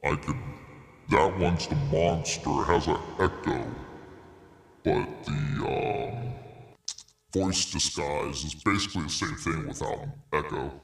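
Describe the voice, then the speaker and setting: Male voice run through a monster filter, very low and gravelly, long echo, slow and casual. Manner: explanatory, casual. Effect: deep monster voice changer with echo. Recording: echoey reverb from voice effect.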